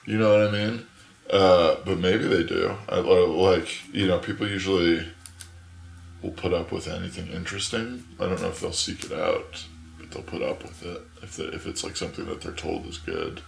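A young man from Arizona with a deep, gravelly voice talks casually as a podcast guest. He rambles in loose, filler-heavy sentences. The sound is roomy and echoey. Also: lively intonation, normal speed. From Arizona, USA. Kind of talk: casual chat. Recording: echoey room.

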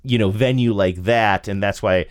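A middle-aged man co-hosts a podcast, telling stories in a casual, joking, incredulous way. His voice sits on the low side and his tone is clean. He talks at a moderate pace.

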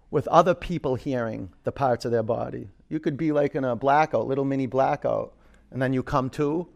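A man's voice: mid-range voice, vocal fry, darkish tone. A man teaching a yoga class, giving short, direct cues and reflective guidance, often repeating phrases for emphasis. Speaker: yoga instructor.

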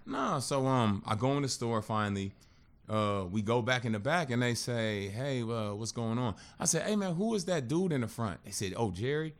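A man in his thirties, a podcast guest telling a personal story in a casual, animated and profane way, acting out what other people said. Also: medium pitch, moderate pace.

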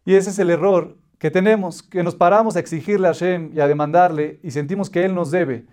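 A man's voice: sits high, fairly even intonation, fairly quick, a little mellow. A man teaching a religious lesson, telling a parable and explaining it patiently in repeated listed phrases. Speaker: Torah teacher.

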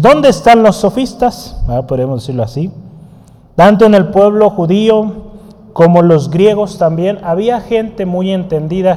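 A man's voice: high voice, warm tone. Man teaching a Bible study in a hall. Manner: conversational, asks the listeners questions; writes on a board while teaching.

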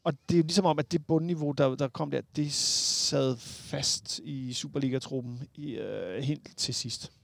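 A Danish man talking as a podcast guest in casual chat, halting and animated, full of restarts. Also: mid-range voice, vocal fry, no echo.

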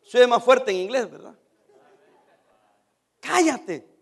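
A male pastor preaching an animated sermon, swinging from shouts down to near-whispers and acting out his church members' complaints. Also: sits high, a little fast, a faint crowd.

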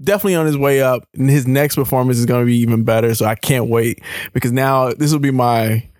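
A man's voice: medium pitch, steady tone, fast talker, darkish tone, dry recording, studio quality. A young man co-hosting a podcast in casual chat, rambling with fillers, restarts and frequent laughter. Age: young adult. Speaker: podcast co-host.

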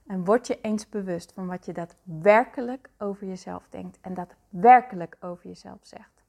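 A woman speaks straight to the listener in an earnest, coaching tone. Her voice sits at an ordinary middle pitch, steady and direct. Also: normal speed, gravelly. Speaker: self-love coach. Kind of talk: motivational talk to listener.

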